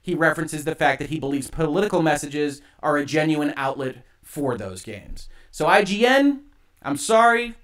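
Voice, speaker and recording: Man on an echoey stream, slightly high voice. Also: lively intonation, a bit bright. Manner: argumentative, emphatic, with pointed pauses. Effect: echoing on the stream audio. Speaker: host of a games and law commentary show. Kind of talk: commentary on a written article, read aloud and rebutted. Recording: echoey livestream audio.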